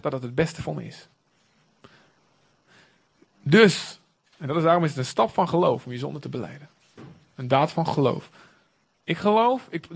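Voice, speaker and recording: An earnest male preacher delivers a sermon in a conversational, emphatic way. His voice sits a little higher than most men's. He speaks with warm directness to his listeners. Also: breathy edge.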